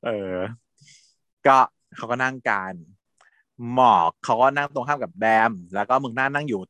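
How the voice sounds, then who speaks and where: A man's voice: mid-range voice, moderate pace, a bit bright, no room sound. A man in casual chat who animatedly retells a TV series, laughing often and acting out quotes.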